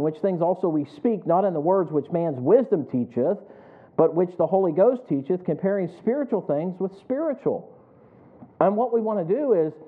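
Preaching man in his fifties, tinny audio. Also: sits high. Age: 50s. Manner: call-and-response preaching with chuckles. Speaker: pastor. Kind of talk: sermon.

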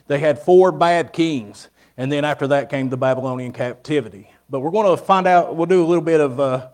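A man with a slightly raised voice preaches an informal Bible lesson into a pulpit microphone in a church sanctuary. He speaks plainly and often stops to restart his sentences or fill pauses with "uh.". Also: fairly high pitch, a little mellow. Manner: plain-spoken, with many fillers and restarts. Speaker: guest preacher.

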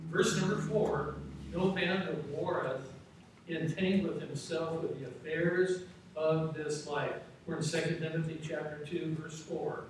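A middle-aged man preaching a sermon as a pastor in a church auditorium, with an emphatic cadence and slow, deliberate scripture reading. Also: fairly high pitch, slight background noise. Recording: very echoey hall from far off.

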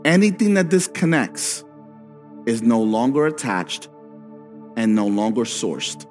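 A male pastor preaching a sermon in a conversational way that builds to emphatic shouts. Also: medium pitch, big pitch swings, slow pace. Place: church sanctuary. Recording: long reverb with faint background music.

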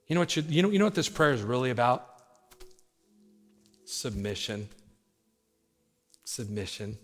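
Man preaching in a reverberant church. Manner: swings from loud urgent preaching to low hushed delivery. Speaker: pastor. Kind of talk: sermon. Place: church sanctuary. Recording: long hall reverb.

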